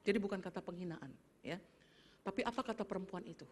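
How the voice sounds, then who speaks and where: A woman pastor preaching in a lively, conversational way, often addressing the congregation directly. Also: mid-range voice, fast talker, slight background noise. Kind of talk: sermon.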